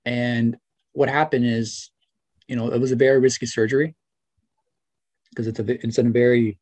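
Talking from a small room at home through a webcam or laptop mic, a young man, once a student, is interviewed casually over video call. His medium-pitched voice is a little mellow, with little pitch movement and normal speed. He sounds earnest and thankful, leaning on "you know" and "right," in a dry, close recording without echo.

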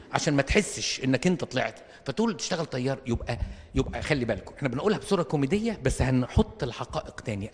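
A man with an Egyptian accent preaching a lively sermon, acting out little scenes and firing rhetorical questions at his listeners. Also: mid-range voice. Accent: Egyptian Arabic. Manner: animated, acts out little dialogues, rhetorical questions. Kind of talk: comic sermon to an audience. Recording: long reverb of a hall.

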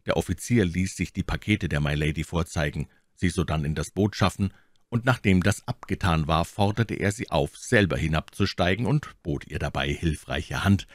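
A man reading a classic novel aloud in measured audiobook narration. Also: low voice, dry recording, studio quality. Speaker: audiobook reader.

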